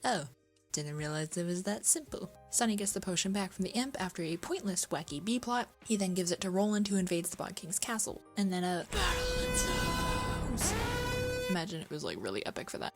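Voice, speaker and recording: A woman's voice: mid-range voice, sing-song, fast talker, few pauses, a little mellow, faint music behind. Sarcastic young woman recapping a film. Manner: sarcastic, chatty, playful asides. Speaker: film reviewer. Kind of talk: casual comedic movie recap.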